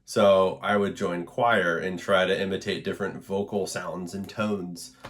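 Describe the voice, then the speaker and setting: A man teaching an introductory vocal percussion lesson in an encouraging, relaxed way, with frequent fillers. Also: deep voice, measured pace. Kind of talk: instructional video lesson.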